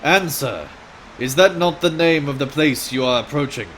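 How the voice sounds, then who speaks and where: An actor playing a noble captain in a game, formal, deliberate and commanding as he sits in judgment. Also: on the high side, fairly bright tone, a little hiss or hum, natural voice. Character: stern, measured noble captain sitting in judgment.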